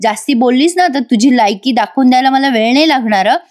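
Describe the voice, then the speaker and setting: A woman's voice: high-pitched, fast, darkish tone, lightly acted. A woman voicing an angry, hot-tempered young man who snaps and threatens. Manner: snapping, threatening.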